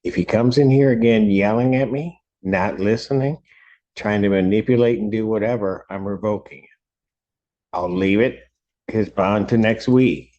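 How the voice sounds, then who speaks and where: A man's voice: fairly low pitch, moderate pace, darkish tone. An older man speaking informally as a judge in court, blunt, folksy and plain-spoken. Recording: dull, muffled lo-fi courtroom audio.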